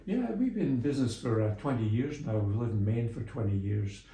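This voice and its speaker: The speaker is a middle-aged or older interview guest from Scotland and England who works as a small business mentor and executive coach. Using anecdotes, he explains conversationally and somewhat hesitantly, in a medium-pitched voice that is expressive, brisk, creaky and mellow. The room echoes and there's slight background noise.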